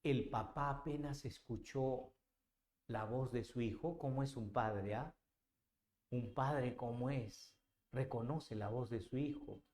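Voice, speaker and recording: A male literature teacher, retelling a story expressively with dramatic pauses and rhetorical questions. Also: medium pitch, a little mellow, roomy sound.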